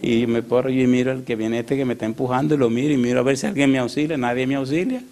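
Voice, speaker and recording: A man's voice: medium pitch, fast. A male pastor preaching a sermon, telling a story and acting out its characters' voices. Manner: animated, acts out the voices in his story. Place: church.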